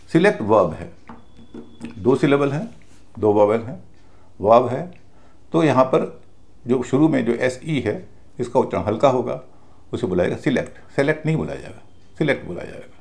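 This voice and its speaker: A male teacher giving a pronunciation lesson, speaking slowly and deliberately and spelling out words letter by letter. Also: mid-range voice, gravelly, a little mellow.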